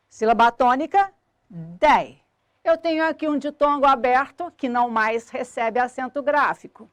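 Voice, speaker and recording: A woman teaching a recorded grammar lesson, slowly spelling out syllables and word endings. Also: high-pitched, fairly bright tone, no room sound. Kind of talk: recorded video lesson at a board.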